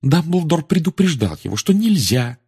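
A man's voice: a little high, big pitch swings, moderate pace, dark tone, husky, voice pushed up, exaggerated voice. A man reading aloud and voicing a clever, anxious, bossy schoolgirl witch in a storybook reading.

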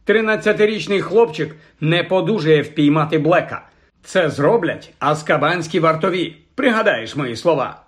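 A man voicing a tired, earnest middle-aged wizard father who speaks gravely. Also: a little high, expressive, natural voice. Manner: grave, measured.

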